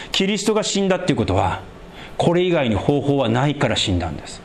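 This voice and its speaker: A pastor preaches a sermon and leads a prayer, drawing out key words slowly for emphasis. At the ends of phrases his voice drops low and quiet.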